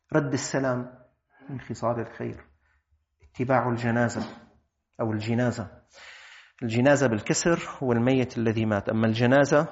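Brief: Syrian man teaching a religious lesson, quick-paced and lively, dull lo-fi sound. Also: medium pitch. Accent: Syrian Arabic. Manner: lively, acts out everyday dialogues.

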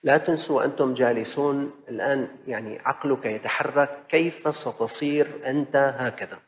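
A man's voice: mid-range voice, normal speed. A male preacher, delivering a sermon in rhythmic, repetitive phrases and slipping from classical into colloquial asides. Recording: dull sound in a reverberant hall.

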